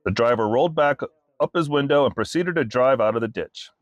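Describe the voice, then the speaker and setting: A man, a state trooper, reading his incident report aloud in a flat, formal, methodical way. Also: medium pitch, fairly quick, lo-fi sound, background noise.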